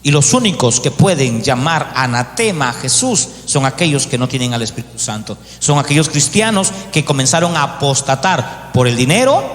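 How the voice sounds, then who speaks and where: A man's voice: mid-range voice, very animated, normal speed, hardly any pauses, a bit bright. A man preaching a sermon as pastor, rising to emphatic peaks and acting out the voices of doubters. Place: church. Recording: echoey church hall.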